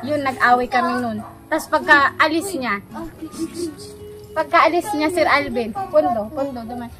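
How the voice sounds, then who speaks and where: High-voiced woman telling a story. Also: measured pace. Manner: animated, laughs often, keeps addressing the host. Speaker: interviewee telling a personal story. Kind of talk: casual storytelling chat. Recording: background music under the voice. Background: music.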